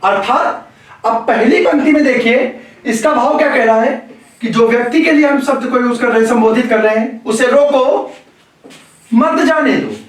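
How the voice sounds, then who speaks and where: A man teaching grammar in a slow, deliberate lecture style, repeating key phrases for emphasis. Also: extremely high pitch, far from the mic. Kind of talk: classroom lecture. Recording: very echoey room, voice away from the mic.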